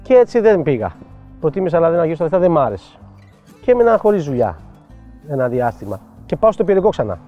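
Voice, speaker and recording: Older man telling lively coaching stories. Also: fairly high pitch. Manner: animated anecdotal, acts out quoted dialogue. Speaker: football coach. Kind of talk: storytelling interview. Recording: dull lo-fi sound with faint music.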